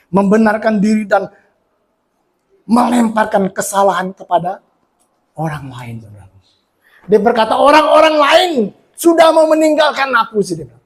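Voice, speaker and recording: A man preaching a sermon as a pastor, who often ends his phrases with a quiet aside to the congregation and climbs into shouted emphasis. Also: sits high. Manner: preaches with rising shouts and repeated "saudara" tags. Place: church.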